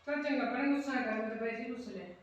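A woman's voice: a little high, very fast, slight background noise, lightly acted. An actress playing a nosy woman tenant who pries into her landlady's business. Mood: prying. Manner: prying, chatty. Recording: echoey room, dull sound.

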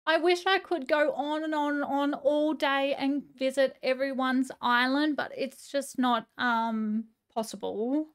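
Gushing high-voiced woman live streamer. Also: steady tone, unhurried, hardly any pauses. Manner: gushing, chatty, reads chat aloud. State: voice going a little hoarse. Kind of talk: casual live-stream chat.

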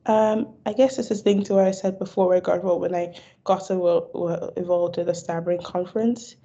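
In a video call interview recorded indoors with dull lo-fi sound, a young advocate for stammering awareness answers questions, stammering with repeated words and restarts. Her voice is warm and on the low side, fairly even in intonation and a little fast.

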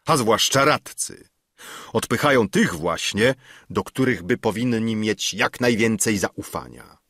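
A stern old goldsmith sorcerer, voiced by a man in a storybook reading, speaking with calm, measured menace. His low, slightly husky voice moves slowly, recorded close and dry. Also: no echo, exaggerated voice. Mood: calm, ominous. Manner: calm, measured, quietly threatening.

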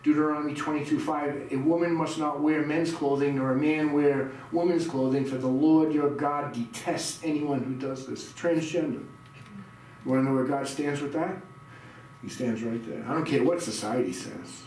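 Reading scripture and quizzing his listeners, a middle-aged male pastor preaches in a small indoor church room. His voice sits a little high, with a darkish, steady tone and moderate pace. The recording is distant, noisy, and very echoey.

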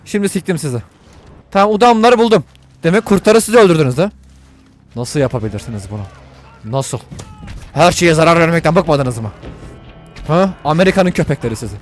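A man giving let's-play commentary to viewers while he plays, excitable and full of crude jokes and swearing. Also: fairly high pitch, fairly quick, pauses often, faint music behind. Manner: talks to viewers while playing. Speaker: gaming video host.

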